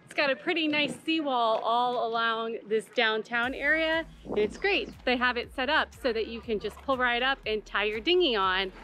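A woman in her thirties vlogging outdoors with a camera at arm's length, chatty and quick to laugh at herself. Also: fairly high pitch, sharp tone, rough recording. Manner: chatty, self-mocking, laughs often. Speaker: travel vlogger. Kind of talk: casual vlog chat. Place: outdoors on a sunny island street and dock. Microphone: handheld camera at arm's length. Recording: music bed under outdoor vlog. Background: background music.

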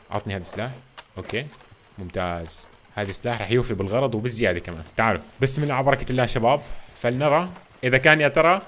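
A young man commentating his gameplay for viewers, reacting loudly and excitedly to what happens on screen. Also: mid-range voice, a little hiss or hum. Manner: reacts loudly to game events, addresses viewers as "guys". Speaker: gaming channel host. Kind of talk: excitable let's-play commentary.

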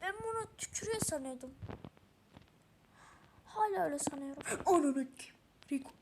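A woman giving casual, excitable gameplay commentary, swearing often and talking to herself as she plays. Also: high-pitched, normal speed, background noise. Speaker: gamer playing a mobile game.

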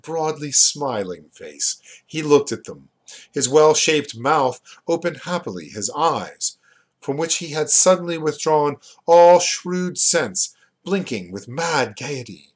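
Indoors in a small furnished room at home, a fifty-something reader reads literary fiction in the manner of an audiobook. He's a poet and rare book seller whose voice sits a little high, and he takes it deliberately and expressively, pausing between phrases. The audio comes from a webcam or computer mic at desk distance.

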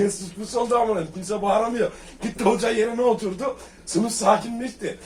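A man's voice: high voice, normal speed, darkish tone. A man telling rowdy childhood school stories in casual chat with friends, laughing often and acting out the old exchanges. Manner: boisterous storyteller, laughs often. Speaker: comedian recalling school days. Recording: distant mic, faint background noise.

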